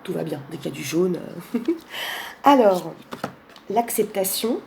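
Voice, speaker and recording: A woman's voice: fairly low pitch, lively intonation, unhurried, creaky, darkish tone, a little hiss or hum. A woman casually presenting a card deck in a vlog, chatty, with many fillers and frequent laughs. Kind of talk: casual chat.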